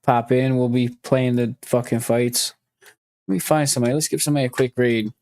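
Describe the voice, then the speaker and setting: A man's voice: medium pitch, little pitch movement, brisk, darkish tone, dry recording. A man talking casually on a podcast, loose and profane, cracking jokes as he goes. His voice sits in a middling range, and it's recorded close and dry, with no room sound around it. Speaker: podcast host. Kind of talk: casual chat.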